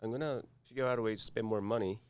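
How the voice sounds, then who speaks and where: A man from South Korea with a Korean accent, a podcast guest speaking haltingly with many fillers and restarts. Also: on the low side, steady tone, clean tone. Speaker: guest, cybersecurity firm founder. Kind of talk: podcast interview.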